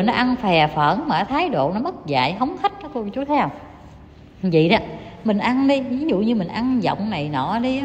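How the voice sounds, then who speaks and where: A woman delivers a heated, scolding monologue and taunts her target over and over. Her voice sits a little high, and it rings with a long reverb over faint background noise. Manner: scolding, taunting, repetitive and emphatic. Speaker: YouTuber ranting to viewers.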